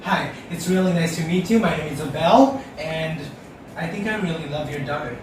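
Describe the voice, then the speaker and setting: A man's voice: fairly high pitch, extremely slow, slight background noise. A young man playing a lovestruck, overly polite foreigner who speaks English. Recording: echoey room, voice from far off.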